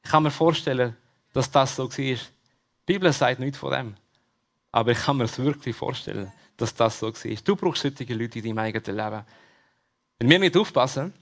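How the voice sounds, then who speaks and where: A man with a Swiss German accent preaching a sermon at a church service, talking straight to the congregation and repeating his key questions. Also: mid-range voice. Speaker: pastor.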